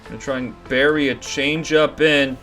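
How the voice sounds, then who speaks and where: A young man giving play-by-play commentary over a baseball video game, getting excited on big plays. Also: medium pitch, normal speed. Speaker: gaming commentator. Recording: faint music behind.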